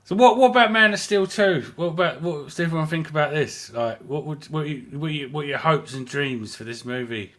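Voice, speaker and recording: A man's voice: a little high, a little fast, few pauses, a bit bright. A man co-hosting a casual live stream chat, upbeat and asking the others questions.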